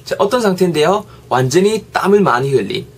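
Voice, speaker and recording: Lively Gyeongsang-accented English teacher. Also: male voice, sits high, fairly quick, vocal fry, slight background noise. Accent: Gyeongsang Korean. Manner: lively, repeats model phrases for drilling. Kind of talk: online English lesson.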